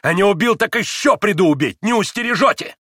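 A man voicing a violent, furious young man who shouts and vows vengeance, in an audiobook. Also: mid-range voice, lively intonation, moderate pace, no echo, studio quality. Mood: furious vehement. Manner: vehement, passionate shouting.

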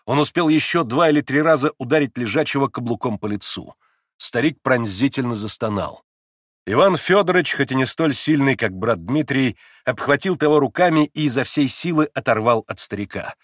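A man reading a novel aloud as an audiobook narrator, with expressive, dramatic delivery. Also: mid-range voice, brisk, no room sound, studio quality. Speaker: audiobook reader.

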